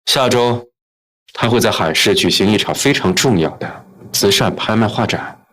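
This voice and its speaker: A cold, ruthless young tycoon in a short drama. His voice sits low and slightly husky, and every word comes out calm and menacing. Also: moderate pace, rough recording. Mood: scheming.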